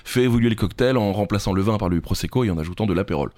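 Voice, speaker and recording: A man co-hosting a quiz podcast in chatty, quick casual banter, laughing often. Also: lowish voice, darkish tone.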